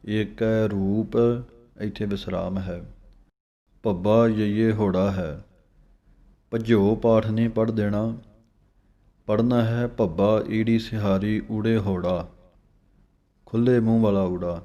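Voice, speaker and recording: A man teaches scripture recitation, chanting verses slowly with pauses and giving plain spoken pronunciation instructions. His voice is fairly low and dark, with fairly even intonation. The sound is lo-fi.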